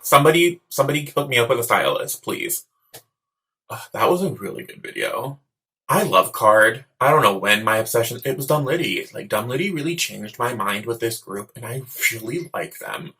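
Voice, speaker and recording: A man's voice: mid-range voice, expressive, normal speed, bright, forceful tone. A man giving casual reaction commentary as a host, talking in an effusive, campy, slangy way. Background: music videos playing.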